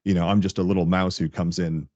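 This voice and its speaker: A man as a guest on a podcast, chatting casually and telling animated stories, laughing often. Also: deep voice, fast talker, no echo, lo-fi sound. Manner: animated storyteller, laughs often, acts out coworkers' lines. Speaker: podcast guest, tech director. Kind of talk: casual interview chat.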